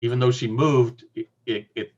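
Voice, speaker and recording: A man's voice: medium pitch, steady tone, normal speed. A middle-aged man casually narrating as game master of a tabletop game over a video call. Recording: slightly dull video-call audio.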